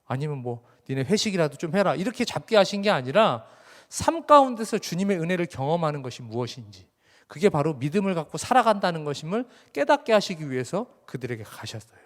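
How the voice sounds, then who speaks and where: A man's voice: a little high, big pitch swings, a little fast. A young man preaching a sermon as pastor in a conversational way, speaking directly to his congregation in a church sanctuary. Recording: reverberant church hall.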